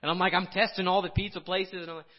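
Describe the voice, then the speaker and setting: Halting conversational male preacher, dull sound. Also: high-pitched, flat delivery. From Illinois. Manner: conversational, halting with many restarts and fillers. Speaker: pastor. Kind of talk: casual sermon.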